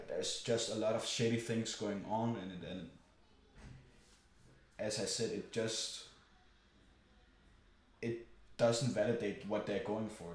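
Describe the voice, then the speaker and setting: A young man with a very low voice rambles through a casual chat, swearing often and filling gaps with ums and uhs. His voice rings around a strongly echoing room, with faint noise behind. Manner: profane, rambling, many fillers.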